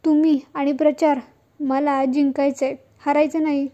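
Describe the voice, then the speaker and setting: A woman voicing a proud, sharp-tongued mother-in-law who speaks in a dry, scolding way. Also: high-pitched, little pitch movement, normal speed, highs cut off, close to an everyday voice.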